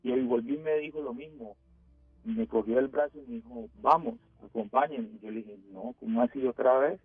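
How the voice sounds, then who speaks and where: A male caller whose voice comes through a thin, tinny phone line with a dry, close sound. He tells his scary story haltingly, with plenty of pauses and fillers. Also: mid-range voice, husky, dry recording. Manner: hesitant, full of pauses and fillers. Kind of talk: telling a scary story on a call-in radio show.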